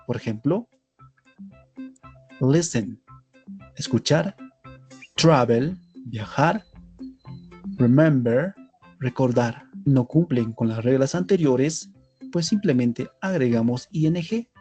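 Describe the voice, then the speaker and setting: Slow, mellow-voiced man explaining grammar rules. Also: mid-range voice, expressive, faint music behind. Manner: spells out letters, gives word then translation. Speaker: English teacher. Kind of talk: slow scripted lesson narration.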